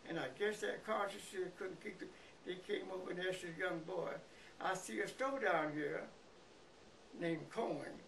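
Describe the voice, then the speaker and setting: Very old man, Southern US accent, creaky yet bright aged voice, halting interviewee recorded a bit far from the mic. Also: high-pitched. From Mississippi, United States. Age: very old, about 100. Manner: halting, repeats words and pauses. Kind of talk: reminiscing in an interview. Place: living room by a window, indoors. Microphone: camera a few feet away. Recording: noisy, distant room camera recording.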